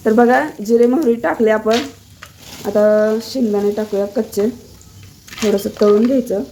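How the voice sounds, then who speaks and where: A hoarse woman, chatting playfully to her viewers in a home cooking vlog from her kitchen. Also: on the high side, fairly even intonation, moderate pace, mellow, slight background noise.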